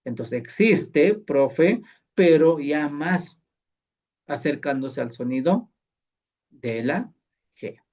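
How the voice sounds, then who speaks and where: A man teaching a language class, slowly and patiently repeating sounds and checking that his colleagues follow. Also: a little high, lively intonation, darkish tone, far from the mic. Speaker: Quechua teacher. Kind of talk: classroom lesson. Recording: muffled sound from away from the mic.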